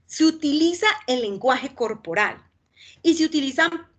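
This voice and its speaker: A woman with a Colombian Spanish accent giving a training lecture, talking fast and checking in with her listeners. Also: high voice, lively intonation. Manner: talks fast with frequent "¿sí?" check-ins.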